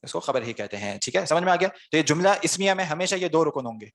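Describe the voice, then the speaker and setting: Male online class teacher, slightly high-pitched, patient step-by-step grammar explanation, keeps quizzing the students. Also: animated, a bit bright. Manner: explains step by step, asks students questions and answers them himself.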